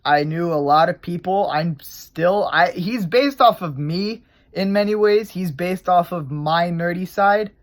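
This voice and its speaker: A man's voice: high voice, a little slow, hardly any pauses. A man talking casually about how he builds his characters, loose and rambling, often trailing off and starting his sentences again. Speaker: character creator on his own channel. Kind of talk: casual explanatory vlog.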